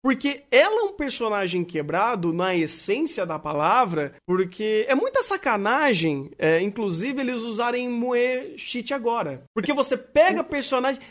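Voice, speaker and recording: Co-host, lively swooping pitch, rambling and profane, casual chat; cast for an easygoing podcast. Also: moderate pace, hardly any pauses. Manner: animated, rambling, swears freely.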